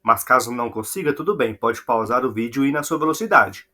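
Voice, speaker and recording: A man teaching English to Portuguese speakers, saying each model phrase slowly and repeating it for practice. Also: mid-range voice, lively intonation, sharp tone.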